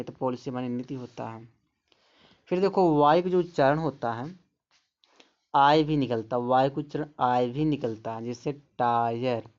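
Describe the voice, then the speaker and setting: A man's voice: mid-range voice, darkish tone. Patient male teacher, lo-fi sound. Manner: repeats words and explains patiently. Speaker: English teacher. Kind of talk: slow phonics lesson. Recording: dull lo-fi sound.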